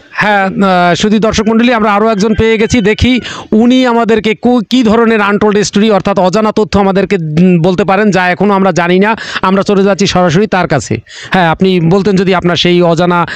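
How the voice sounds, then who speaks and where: A man's voice: sits high, dry recording, natural voice. A man playing the host of a mock game show, speaking with formal, repetitive announcer phrasing.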